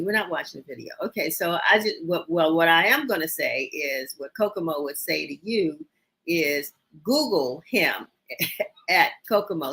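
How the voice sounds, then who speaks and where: A woman's voice: mid-range voice, a bit bright, husky, low-quality recording. A woman hosting a casual interview show over a video call, upbeat and rambling with many restarts, sniffling a little. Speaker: host.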